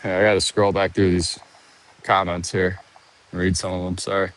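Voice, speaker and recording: Low-pitched and flat, his voice moves at a moderate pace with a slightly bright edge. While walking around a monument outdoors he live-streams, panting a little, rambling and restarting his thoughts as he reads viewers' comments.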